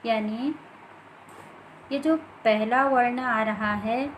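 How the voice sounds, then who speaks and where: A woman teaching a grammar lesson, explaining slowly and deliberately from written notes with many pauses. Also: a little high, fairly even intonation, slight background noise, low-quality recording.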